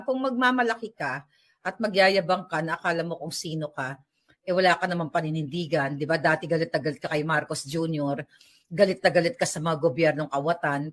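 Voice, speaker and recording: A woman's voice: sits low, a bit bright. A woman giving casual, sarcastic vlog commentary at home, ranting animatedly and mixing in English. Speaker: political vlogger. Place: at home while tidying up.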